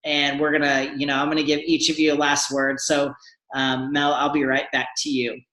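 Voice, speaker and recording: A man's voice: on the high side, monotone, normal speed, bright, forceful tone, roomy sound, rough recording. A man hosting a live video panel, encouraging and rambling, with frequent restarts. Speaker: host.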